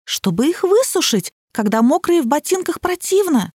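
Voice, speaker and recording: A ditzy, doll-like young woman, voiced by a female audiobook reader, speaks in a high, childish chirp that slides into pleading whimpers. The recording is dry and close, with no room sound at all. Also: big pitch swings, normal speed, darkish tone, no echo. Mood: earnest. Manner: lisping baby talk, whimpering and chirpy. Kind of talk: audiobook character voice.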